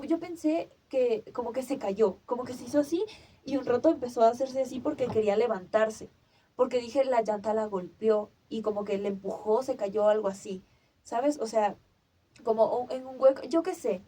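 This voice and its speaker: A young woman tells a story on a casual podcast. Her voice sits high but sounds soft and mellow. She acts out her own cries and shouts as she goes. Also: normal speed. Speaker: podcast host.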